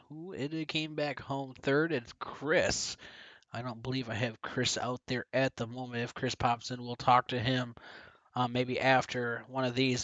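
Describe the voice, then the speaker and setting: A man calling a sim race as play-by-play commentator, talkative and building excitement toward the finish. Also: a little high, no echo, muffled recording.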